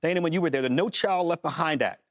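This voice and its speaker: A man on a cable news panel making a rapid point, restarting phrases and piling up examples, heard through a studio mic. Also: fairly high pitch, no room sound. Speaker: panel co-host. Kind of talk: political panel debate.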